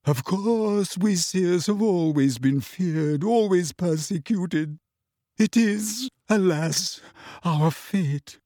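A man voicing an insulted middle-aged witch seer, high-pitched and wavering, dramatic and self-pitying. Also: slow pace, mellow, no echo, studio quality.

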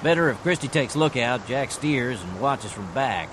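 A man's voice: mid-range voice, animated, normal speed, background noise, close to an everyday voice. An actor playing a practical, commanding crewman who gives terse instructions in an adventure audio drama. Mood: wary, practical.

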